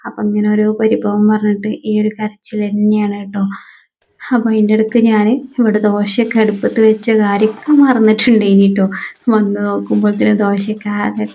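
A woman, talking through a family vlog in a soft, homely way and holding back tears. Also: mid-range voice, completely flat delivery, brisk, gravelly. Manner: soft, homely, ends phrases with a gentle tag. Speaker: family vlogger. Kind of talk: casual voice-over narration.

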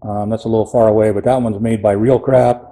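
A man with a low, very dark voice gives a casual walkthrough of his equipment. He talks plainly and unhurriedly, with plenty of ums and you-knows, while filming first-person inside a trailer on a handheld camera mic. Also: fairly even intonation, poor audio. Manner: plain, unhurried explaining with fillers. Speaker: pressure washing business owner.

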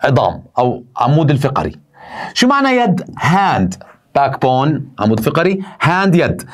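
A man's voice: fairly high pitch, wildly swooping pitch, normal speed. A male teacher, drilling vocabulary by asking and answering his own questions. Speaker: English teacher. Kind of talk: vocabulary lesson, repeating words.

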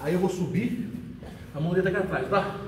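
A man's voice: high voice, fast talker. A man teaching a grappling technique, walking students through each step and checking in often with "right?". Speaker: jiu-jitsu instructor. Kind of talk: mat-side technique lesson. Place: large echoey training hall. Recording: echoey hall, distant, faint noise.

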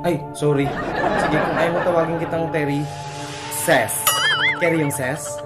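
Playful sketch comedian, man, echoey room with loud guitar music behind. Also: fairly high pitch, fairly even intonation, a little slow, over a noisy crowd. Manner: playful, singsong apologizing to mother. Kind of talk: comic monologue and sketch.

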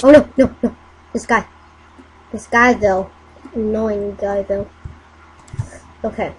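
A woman giving casual, excitable commentary on her own gameplay, muttering to herself and breaking into silly sing-song chants. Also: medium pitch, slow pace, a little hiss or hum, rough recording. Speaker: gameplay channel host.

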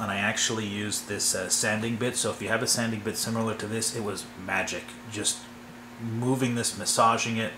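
At a workbench in his home workshop, a hobby model builder walks through a casual hands-on tutorial, relaxed and rambling, often tossing in "okay?" to check in. His voice sits lowish, the room echoes, and there's background noise.

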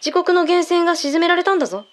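In Japanese radio drama acting, an actress gives a female intelligence agent a notably high voice. The agent is brisk, matter-of-fact, assured and blunt, explaining things in blunt, mannish phrasing.

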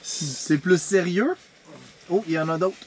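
A young man with a Quebec French accent chatting casually and swearing excitedly while ice fishing. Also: high voice, measured pace. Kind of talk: casual chat. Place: outdoors on a frozen lake, later inside an ice fishing tent. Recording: noisy outdoor camera audio.

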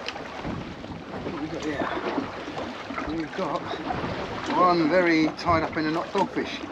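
A man's voice: on the high side, fairly even intonation, slow pace. A man giving a chatty running commentary while fishing from a small boat at sea. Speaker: angler filming his boat trip. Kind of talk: casual chat while fishing. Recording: muffled outdoor camera audio, loud wind and water.

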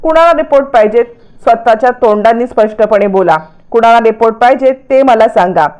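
A woman's voice: fairly high pitch, moderate pace, a little mellow, dull audio, close to an everyday voice. A woman voicing an angry elderly male patriarch who scolds his family indignantly while retelling a TV serial episode. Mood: indignant scolding.

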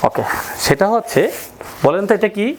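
A man's voice: high voice, lively intonation, moderate pace, background noise. A man teaching an English lesson in a classroom, drilling phrases and asking the class to repeat after him.

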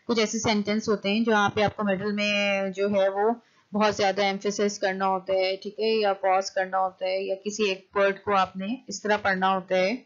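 A woman lecturer giving a recorded class. She reads English points out slowly and then explains them quickly, checking in with "okay" again and again. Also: medium pitch, level tone. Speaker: university lecturer. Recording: dull lo-fi recording.

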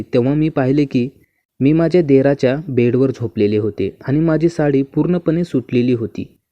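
A man reads a first-person story aloud in a smooth, even and unhurried manner. His voice is mellow and dark, at a medium pitch. The recording is dry and slightly muffled. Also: no echo.

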